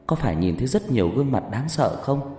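A man's voice: mid-range voice, big pitch swings, quick pace, mellow, lightly acted. A man voicing a stern old village shaman woman. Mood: grave warning. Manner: grave, admonishing. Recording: reverberant hall with background music.

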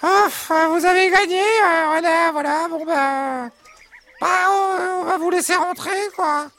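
A woman's voice: very high voice, normal speed, vocal fry, a bit bright, exaggerated voice. A woman voicing fussy, flustered farmyard hens. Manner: hesitant, full of "bah" and "euh". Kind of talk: children's audio story.

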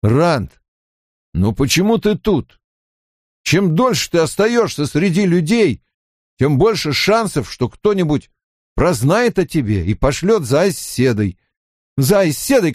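A man doing a calm, steady young man. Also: a little high, no echo, clean studio sound, voice pushed up. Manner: calm, measured.

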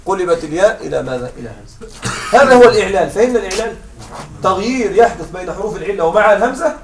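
A man's voice: sits high, lively intonation, very fast, distant mic, a little hiss or hum. A man teaching an Arabic grammar lesson, patiently explaining step by step and checking that students follow. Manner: patient, checks understanding with repeated questions. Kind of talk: classroom lesson.

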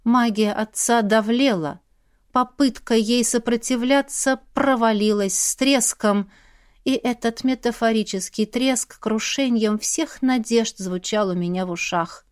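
A woman narrating a first-person fantasy audiobook in an expressive way. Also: fairly high pitch, a little slow.

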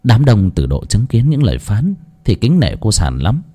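Animated male horror storyteller. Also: lowish voice. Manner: slow, dramatic storytelling. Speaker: narrator. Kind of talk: scripted horror story narration.

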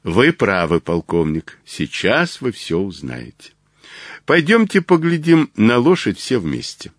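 A man's voice: lowish voice, wildly swooping pitch, no echo, clean studio sound, heavily acted. A man reading the part of a composed, unflappable middle-aged detective in a storybook reading. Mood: explaining. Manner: unflappable, measured.

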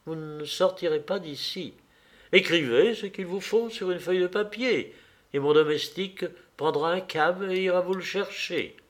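A man's voice: high voice, normal speed, voice pushed up, natural voice. A man reading aloud, voicing a charming, coldly commanding young man in an audiobook. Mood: insistent. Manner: pressing, then lightly casual with the servant.

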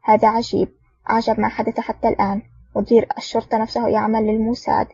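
Woman doing a bossy soviet general, curt, rough gravelly voice. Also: on the high side, little pitch movement, fast talker, mellow, no echo, recorded from a distance. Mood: stern. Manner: commanding, curt. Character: stern angry male Soviet general. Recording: dull lo-fi audio.

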